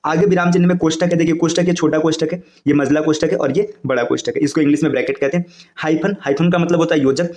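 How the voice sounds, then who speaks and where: A man teaching Hindi grammar for exam coaching, explaining fast and checking in with "है ना" and "देखिए". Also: a little high, steady tone, a little mellow, echoey room.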